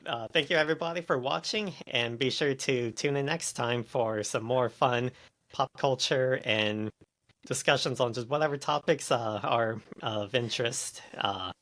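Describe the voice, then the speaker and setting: A man's voice: mid-range voice, normal speed, fairly bright tone. A man hosting a casual podcast chat, talking in a hesitant way with many fillers and restarts. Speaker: podcast host.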